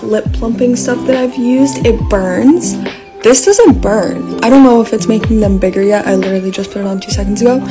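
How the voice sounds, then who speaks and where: A young woman chatting casually through a product review vlog, bubbly and full of "like". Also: fairly high pitch. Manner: bubbly, chatty, with many likes. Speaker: social media creator.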